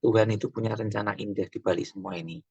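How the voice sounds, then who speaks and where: A man's voice: fairly low pitch, fairly even intonation, quick pace, gravelly, warm tone, slightly rough, no echo. A man, a radio guest telling a personal testimony in a chatty way, slipping into phrases. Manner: chatty, mixes in Javanese phrases. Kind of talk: casual radio storytelling. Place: radio studio. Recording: dull, lo-fi radio broadcast audio.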